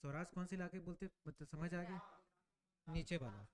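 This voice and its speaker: A man's voice: on the high side, fairly quick. A male teacher running an exam-prep class, building memory tricks and checking with students often. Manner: asks frequent check questions to the class.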